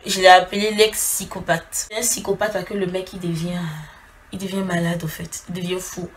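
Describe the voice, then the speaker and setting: A woman's voice: lowish voice, flat delivery, normal speed, a little hiss or hum. A woman vlogger giving casual relationship advice to camera, speaking straight to her female viewers and acting out little scenes as she goes. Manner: speaks directly to a female audience as "tu".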